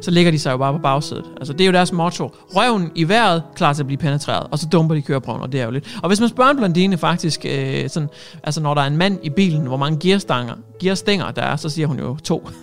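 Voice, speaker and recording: A man's voice: fairly high pitch, lively intonation, faint music behind. A man hosting a radio show, delivering a cheeky, jokey news monologue and dropping English phrases into his talk.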